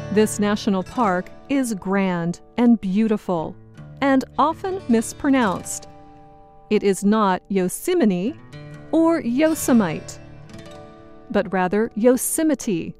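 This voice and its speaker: A woman hosting a scripted educational program, enunciating each word carefully and slowly for learners. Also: medium pitch, a little mellow. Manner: clear, carefully enunciated learner-friendly delivery. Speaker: program host. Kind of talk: slow scripted educational narration. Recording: dry studio voice-over with faint music.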